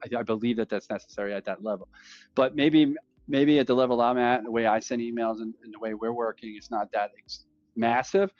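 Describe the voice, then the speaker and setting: A man's voice: medium pitch, fairly even intonation, brisk, darkish tone, dry recording, highs cut off. A man in a casual podcast chat, talking with energy, repeating himself and acting out sales calls. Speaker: guest.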